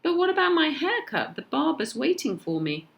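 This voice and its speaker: A woman's voice: sits high, normal speed, creaky, voice pushed up, full character voice. A woman with a British accent voicing an eager, pleading young boy in a children's storybook. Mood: excited. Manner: excitable, pleading.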